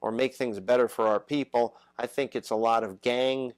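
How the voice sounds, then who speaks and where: A political talk show host speaks at a medium pitch in a steady, smooth tone, halting often and filling gaps with "uh." The sound is dry and close with no echo or room sound, though the audio quality is poor.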